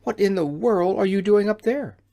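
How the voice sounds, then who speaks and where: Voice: mid-range voice, normal speed, gravelly, warm tone, pitched above the performer's own voice, lightly acted. A reader voicing a friendly, easygoing straw scarecrow with a cheerful, folksy way of talking, in an audiobook. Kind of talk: audiobook character voice.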